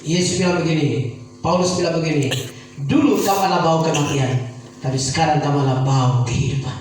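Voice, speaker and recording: High-pitched preacher in echoey hall. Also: male voice, brisk. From Indonesia. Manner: animated, often calls out for amens, bursts into shouts. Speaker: evangelist preacher. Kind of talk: sermon. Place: church hall with congregation. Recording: very echoey hall, from far off, faint noise.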